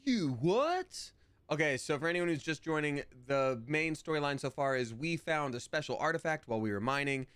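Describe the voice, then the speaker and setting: A man's voice: on the high side, fairly quick, hardly any pauses, a bit bright, clean tone, dry recording. A man streaming a video game with casual, playful live commentary and exaggerated reactions.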